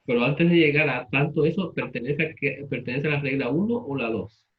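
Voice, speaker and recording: A man's voice: mid-range voice, fairly quick, phone-quality sound. A man teaching a class, repeating students' answers and asking them questions in turn. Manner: patient, repeats answers back and asks questions.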